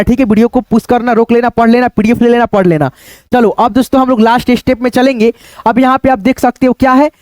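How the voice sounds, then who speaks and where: High-voiced man teaching reading. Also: darkish tone, dry recording. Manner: chatty, repeats "दोस्तों" often, slows to spell out words. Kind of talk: online reading lesson.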